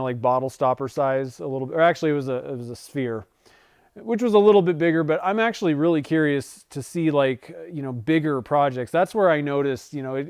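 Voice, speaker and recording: A man's voice: on the high side, darkish tone, clean tone, no room sound, clean studio sound. A man in his forties hosting a casual livestream from his workshop, rambling with frequent self-corrections and chuckles. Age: 40s. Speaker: livestream host. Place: home workshop.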